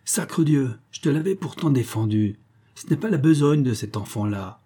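A man voicing an aging, gruff country gentleman who hunts, speaking brusquely and commandingly. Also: medium pitch, animated, moderate pace, voice pushed up. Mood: irritated.

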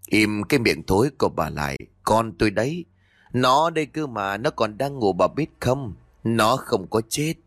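A man doing a crazed young mistress in a ghost story, possessed and speaking in a slow, creepy chant. Her threats come out low and drawn out, with the pitch wandering widely in a dry, close sound. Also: sing-song, fairly bright tone, no room sound. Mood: menacing. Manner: slow, eerie, menacing chant. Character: half-mad young mistress possessed, eerie woman.

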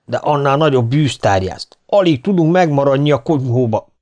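A man's voice: medium pitch, fairly even intonation, highs cut off, natural voice. A man voicing a defiant, angry stoker. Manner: angry, mocking. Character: angry male ship's stoker, defiant mutineer.

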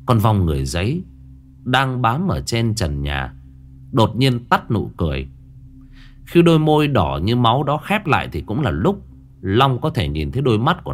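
A man narrating a horror story in a dramatic, scripted telling. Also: mid-range voice. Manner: dramatic, lively delivery with drawn-out phrasing.

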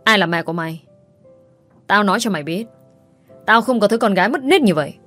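A woman's voice: medium pitch, expressive, fairly quick, fairly bright tone, faint music behind. A woman voicing a furious, spiteful middle-aged stepmother who screams insults, in a storybook reading. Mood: enraged.

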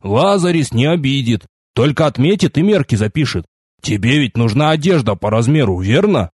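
A man's voice: mid-range voice, sing-song, moderate pace, darkish tone, breathy edge, no room sound, studio quality. A man voicing a wiry, fussy male army quartermaster who chatters eagerly, in a storybook reading.

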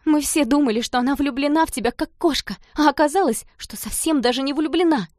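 A woman's voice: sits high, fast, darkish tone, no room sound, pitched above the performer's own voice, natural voice. An anxious, earnest younger sister, as a woman reader puts her on, her voice lifted well above the narration and pleading. The sound is dry and close to the mic, as in an audiobook. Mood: urgent, anxious.

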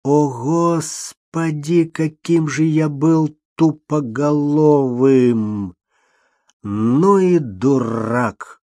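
A man reading an audiobook, voicing an excitable young man who shouts and mocks. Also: drawn-out words, no echo. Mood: dismayed. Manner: shouting, high-strung, mocking. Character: excitable young man, loud and self-reproaching.

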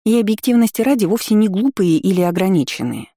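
Expressive first-person audiobook reader, warm tone, close dry booth sound. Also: medium pitch, quick pace, slightly rough, no room sound. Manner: lively, expressive storytelling. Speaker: audiobook narrator.

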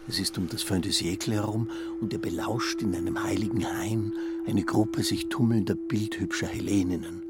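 A man's voice: on the low side, fairly even intonation, moderate pace, over loud music. A man narrating a radio play with lilting, dreamy storytelling. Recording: radio play with clear ambient noise.

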